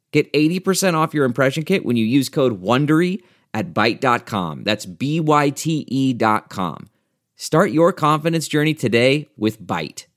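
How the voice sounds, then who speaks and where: A male announcer delivers a scripted commercial read. His voice sits at an ordinary middle pitch for a man, with clearly worded sales copy.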